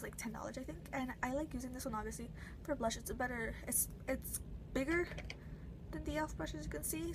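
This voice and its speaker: A woman's voice: high-pitched, background noise. A young woman casually reviewing her makeup brushes at home, rambling with lots of fillers and self-corrections. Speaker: beauty vlogger.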